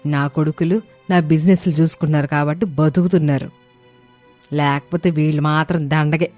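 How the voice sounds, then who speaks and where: A woman voicing a bossy, wealthy mother-in-law in an animated story, talking in a sharp, scolding way. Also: sits low, normal speed, soft background music, natural voice.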